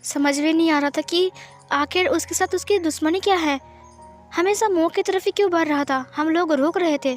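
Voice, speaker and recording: A woman's voice: very high-pitched, moderate pace, faint music behind. A woman voicing a cold, reserved young man who speaks in curt refusals.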